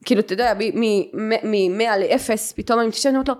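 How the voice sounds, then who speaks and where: Young woman, podcast host, emotional storytelling, acts out voices, higher-pitched. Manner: animated, acts out quoted voices.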